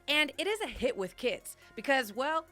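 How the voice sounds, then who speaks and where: A woman hosts a travel show with bubbly enthusiasm. Her bright voice rises and falls a lot as she narrates. Light music plays under her. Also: high-pitched, very animated, normal speed.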